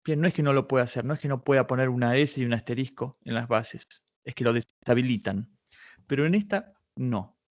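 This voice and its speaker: A man's voice: medium pitch, fairly quick. Man teaching a search tutorial, muffled sound. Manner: explains step by step, thinking aloud with many restarts. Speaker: workshop instructor. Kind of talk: live online patent search tutorial.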